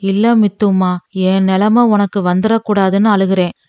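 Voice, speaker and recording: A woman's voice: mid-range voice, steady tone, normal speed, smooth, no room sound, highs cut off, natural voice. A woman reading an audiobook, voicing a loving, teasing old grandmother with folksy, affectionate speech. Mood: sorrowful.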